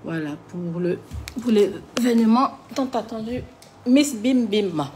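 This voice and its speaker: A woman's voice: a little high, lively intonation, slow, a little mellow, slight background noise. A woman hosting a late-night live stream, agitated and complaining as she talks to her viewers. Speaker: livestream host.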